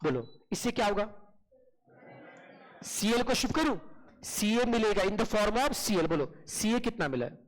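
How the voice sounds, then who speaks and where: A man with a high voice teaches accountancy in an online class. He keeps asking his students short questions and answers them himself. He calls them "beta" in a familiar way. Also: expressive, measured pace, long pauses, poor audio.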